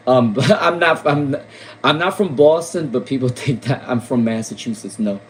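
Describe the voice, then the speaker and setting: Speaking at normal speed in a medium-pitched voice, a Rhode Island man does casual tarot readings on a live stream. The tarot reader keeps repeating names and questions and leans on fillers, all in a rough recording.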